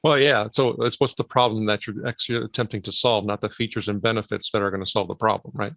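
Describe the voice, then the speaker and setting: A man hosting a podcast interview, asking long, winding, measured questions. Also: fairly low pitch, steady tone, vocal fry, a bit bright, dry recording. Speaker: podcast host. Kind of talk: casual interview conversation.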